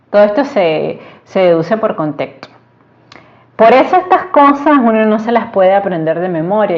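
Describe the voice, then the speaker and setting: A woman from Latin America gives a grammar lesson at a steady middle pitch, slowing down to stress each example sentence. The sound is a little dull and lo-fi. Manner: explains slowly with example sentences, stresses quoted phrases. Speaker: Spanish teacher.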